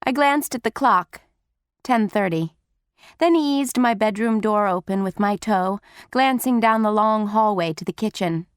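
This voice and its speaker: A woman's voice: mid-range voice, measured pace, clear, resonant tone, dry recording, clean studio sound. Woman narrating a teen audiobook. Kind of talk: scripted first-person narration.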